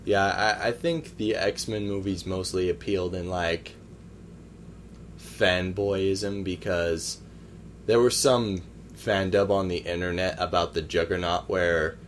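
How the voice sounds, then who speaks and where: A man's voice: low-pitched, fairly even intonation, slow, slight background noise. A man co-hosting a casual podcast, rambling through opinions on films with hesitant fillers. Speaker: podcast co-host. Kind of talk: casual chat about movies.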